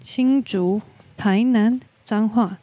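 Taking it slowly, a podcast host with a Taiwanese Mandarin accent chats on her own in a relaxed, unscripted style, mixing in English words as she candidly gives her opinions. Her voice is warm and mellow at a middle pitch, and the recording is dry.

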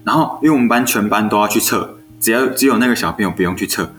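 A young elementary school teacher in his twenties, speaking with a Taiwanese Mandarin accent, tells classroom stories in casual chat and animatedly acts out the quoted dialogue. His voice is on the low side and fast, with faint background music.

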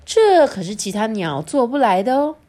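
A woman's voice: fairly high pitch, very animated, moderate pace, warm tone, voice pushed up. A woman voicing a vain, boastful male peacock in a children's picture-book reading, haughty and scolding.

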